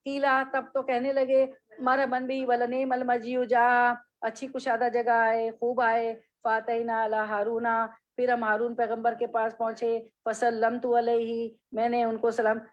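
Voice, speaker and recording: Woman, fairly high voice, slow careful reading, patient teacher tone, repeats words for students. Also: completely flat delivery, muffled recording. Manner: explains Arabic grammar patiently, repeats and drills students. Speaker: Islamic studies teacher. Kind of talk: classroom hadith lesson, reading Arabic then explaining.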